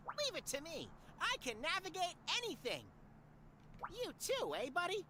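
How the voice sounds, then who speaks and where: Boastful cat-like game sidekick, overacted anime-dub delivery, bright and wildly animated. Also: female voice, very high voice, moderate pace, slight background noise, full character voice. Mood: cheerful, cajoling.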